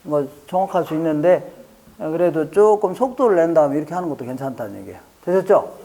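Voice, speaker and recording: A man's voice: fairly high pitch, expressive, quick pace, dark tone. A man teaching a live class to exam students. He repeats key phrases, keeps checking that everyone is following, and jokes lightly with the students. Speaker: exam prep lecturer. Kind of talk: classroom lecture.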